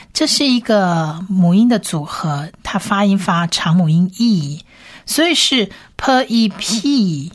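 A woman giving a language lesson, spelling out letters and repeating each word patiently. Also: medium pitch. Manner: patient, drawn-out repetition of sounds. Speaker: Hebrew teacher.

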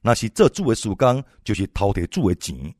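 Man preacher, low, lively pitch, dry close sound, exhorting sermon delivery. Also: a little fast, dry recording. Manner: exhorting, swings between loud and soft.

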